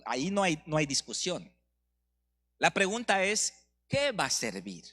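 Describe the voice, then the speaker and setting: Middle-aged mexican pastor preaching, kinda high pitched, punches key words slow. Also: male voice, wildly swooping pitch, pushed and bright, slightly rough. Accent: Mexican Spanish. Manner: emphatic preaching with rhetorical questions and sudden slowdowns. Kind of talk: sermon.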